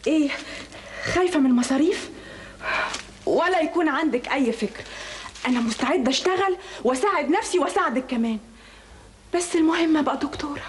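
An actress playing an earnest young daughter with an Egyptian accent who dreams of becoming a doctor, talking eagerly. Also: female voice, high voice, lively intonation, quick pace, pauses often, a little hiss or hum. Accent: Egyptian Arabic. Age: young adult. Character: earnest hopeful young woman, aspiring doctor. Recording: roomy with faint music.

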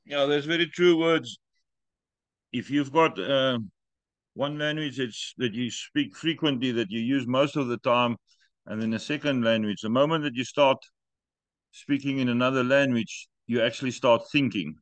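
A middle-aged man with a medium-pitched voice and moderate pace hosts a casual video call meeting, friendly and joking as he invites others to speak. He's picked up by a laptop webcam in a home room with a stone wall, and there's no echo.

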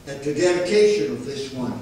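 A man's voice: mid-range voice, lively intonation, a little fast, warm tone, a little hiss or hum. A man preaching a sermon as pastor, in a folksy, emphatic way. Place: church sanctuary. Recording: echoey sanctuary, mic far off.

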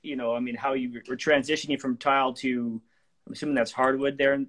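A man's voice: mid-range voice, little pitch movement, a little fast, a bit bright. A middle-aged man hosting a renovation talk show, chatting agreeably with his guest over a video call. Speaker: show host, renovation company. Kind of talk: casual interview talk. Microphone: video call webcam.

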